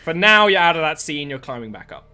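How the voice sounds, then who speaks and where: A man working as game master, improvising narration for a tabletop game in an animated, conversational way. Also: a little high, fast talker.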